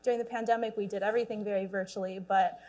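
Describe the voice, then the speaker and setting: A woman's voice: medium pitch, fairly even intonation, very fast, warm tone. A young woman, a graduate student, answering interview questions in an enthusiastic, chatty way with frequent laughter.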